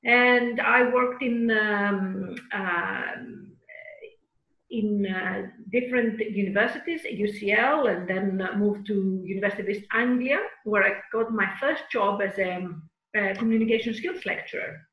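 A middle-aged woman from Greece, a professor being interviewed on a podcast, speaking with many pauses and fillers. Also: mid-range voice, echoey room, muffled recording. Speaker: guest professor.

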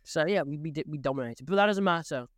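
A man's voice: fairly high pitch, fast, no room sound, studio quality. A teenage boy co-hosting a podcast, teasing and joking in casual chat. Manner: teasing, jokey, interrupting. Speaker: podcast co-host.

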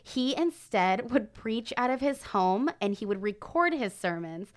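A woman's voice: on the high side, lively intonation, unhurried. A woman co-hosting a true-crime podcast, narrating with jokey asides and laughter. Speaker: podcast co-host.

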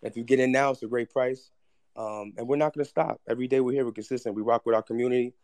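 A man's voice: mid-range voice, steady tone, quick pace, a little mellow, no echo. A man speaking casually to his community as a project founder, earnest and slangy, often restating his point. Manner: earnest, slangy, repeats himself.

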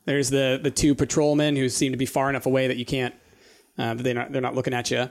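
A man with a medium-pitched voice runs a tabletop role-playing game. He improvises scene descriptions as game master. His delivery is halting, as though he is working it out aloud. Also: little pitch movement, vocal fry.

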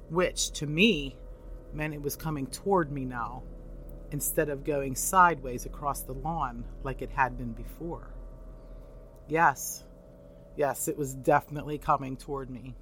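Paranormal story narrator over soft music. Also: mid-range voice.

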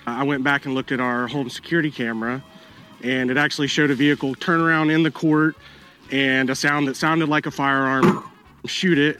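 Regular guy, mid pitch, plain eyewitness telling, bit of music behind. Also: a bit bright. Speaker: eyewitness interviewee. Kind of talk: plain spoken account.

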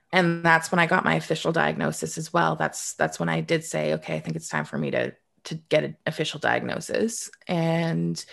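A woman's voice: fairly low pitch, creaky. A woman of about thirty from Canada, a guest telling her story in a candid, reflective way, now and then dryly sarcastic, often restarting her sentences. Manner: reflective, open, with dry sarcasm and frequent restarts. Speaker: interview guest.

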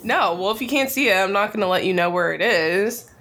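Hoarse woman with a smoker's rasp. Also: mid-range voice, animated, fairly quick, fairly bright tone. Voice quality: raspy, like a chain smoker. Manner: playful, swears freely. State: hoarse from a summer cold. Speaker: podcast host. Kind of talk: casual chat.

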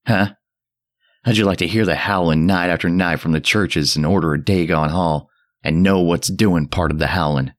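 A man voicing a terrified old drunk who rants in a shrill, cracking old voice and a rustic dialect. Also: normal speed, close to an everyday voice. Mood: goading. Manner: rustic old New England dialect, ranting. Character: terrified old male drunk, rambling and frantic.

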